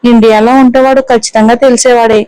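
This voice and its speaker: Woman reading gentle older father-in-law figure, consoling, flat delivery. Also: on the high side, a little fast, smooth, no echo, close to an everyday voice, rough recording.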